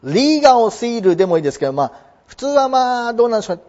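A man explaining English vocabulary in a chatty lesson, slowing down to spell out words. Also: very high voice, very animated, a little mellow. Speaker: English teacher. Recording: dull lo-fi recording.

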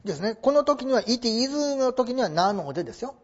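A man teaching a lesson, explaining example sentences in a lively, coaxing way. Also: very high voice, brisk, dull audio. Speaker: English teacher. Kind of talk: lecture with read-aloud example sentences.

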